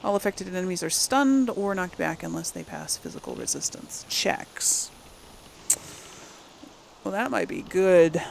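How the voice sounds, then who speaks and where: A woman with a lowish voice and vocal fry hosts a laid-back let's-play, talking and thinking aloud as she plays through a game for her gaming channel. A little hiss or hum can be heard.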